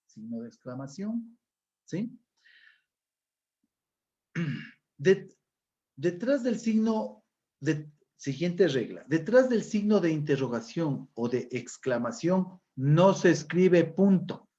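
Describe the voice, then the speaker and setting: A man teaching a school lesson on punctuation, explaining slowly and repeating points with frequent tag questions. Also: a little high, animated, dark tone. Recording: dull lo-fi recording.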